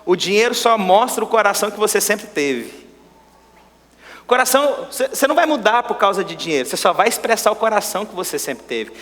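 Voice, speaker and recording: A male pastor preaching a sermon, swinging between loud exclamations and hushed asides. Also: high-pitched, very animated, a little fast. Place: church sanctuary. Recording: long church-hall reverb.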